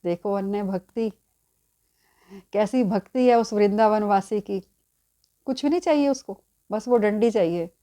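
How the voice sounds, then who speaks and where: A woman's voice: medium pitch, measured pace, pauses often, warm tone. A woman narrating a devotional story in an emphatic, repetitive storytelling manner.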